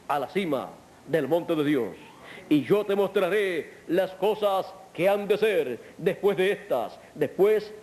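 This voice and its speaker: High-pitched guy preaching real slow, long pauses between phrases. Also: a little mellow. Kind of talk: slow, measured sermon. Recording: old sermon recording.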